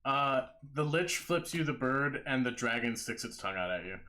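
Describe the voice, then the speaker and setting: Man, casual game master, informal and sweary, mid-range pitch, other players chattering behind him. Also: lively intonation, moderate pace, crowd noise. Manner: profane, informal. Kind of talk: casual banter narrating a live tabletop game.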